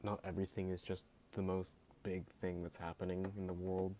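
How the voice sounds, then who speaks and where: Monotone and a little fast, this man's low, dark voice carries a sarcastic, blunt opinion rant for YouTube, full of "like." It sounds jittery at times, with slight background noise present.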